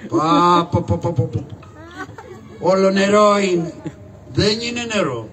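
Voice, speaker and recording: A man's voice: high-pitched, crowd noise, lightly acted. A man voicing Karagiozis, a scrappy poor hunchback trickster in a live shadow puppet show, brash and full of mocking curses. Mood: mocking cursing. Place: live show before an audience. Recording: distant live stage recording with audience noise.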